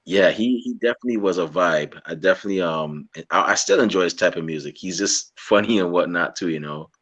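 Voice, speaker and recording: A young man from Guyana interviewing a guest in a relaxed, rambling way, often restarting his sentences. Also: deep voice, lo-fi sound. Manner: rambling, halting with many restarts. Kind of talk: casual interview chat.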